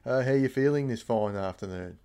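A man hosting a podcast, introducing his co-host and setting up topics in a measured, articulate way. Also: mid-range voice, dark tone, clean tone. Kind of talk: casual chat.

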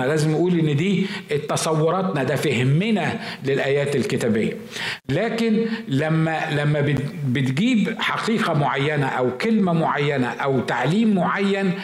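A man with an Egyptian Arabic accent preaching a sermon as pastor, animated and acting out the voices of fearful people. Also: on the high side. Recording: echoey hall.

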